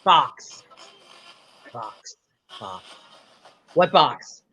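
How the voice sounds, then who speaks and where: A man's voice: mid-range voice, sing-song, extremely slow, pushed and bright, slightly rough. A man chatting casually during a paranormal session, musing and asking questions in short, tentative phrases.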